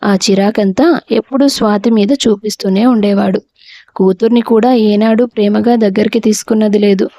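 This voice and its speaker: A woman reading a family drama story aloud as a narrator, steady and scripted. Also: medium pitch, normal speed, no echo, clean studio sound.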